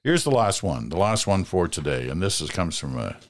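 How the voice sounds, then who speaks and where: A man with a very deep voice hosts a talk show. He reads listener letters and chats loosely, filling pauses with ums and poking fun at himself. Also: big pitch swings. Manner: self-deprecating, chatty, with fillers. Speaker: podcast host. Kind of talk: casual show hosting, reading listener letters.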